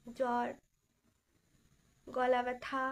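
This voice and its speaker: A woman's voice: on the high side, monotone, drawn-out words. A young woman hosting a casual live stream, chatting and teasing as she greets viewers by name, her voice changed by a sore throat.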